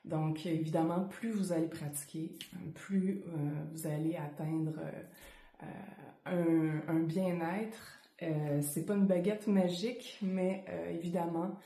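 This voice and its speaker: A woman with a Quebec French accent teaching yoga breathing informally, speaking unscripted with frequent hesitant pauses. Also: lowish voice, steady tone, mellow. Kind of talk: informal guided breathing lesson to camera. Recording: roomy, echoing indoor sound.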